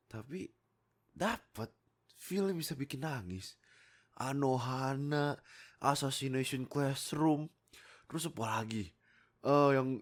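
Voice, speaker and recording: This young Indonesian YouTube creator, who also does amateur voice acting, has a mid-range voice. Speaking close to a USB microphone, he rambles excitedly through unscripted stories about himself, exclaiming often and regularly dissolving into giggles.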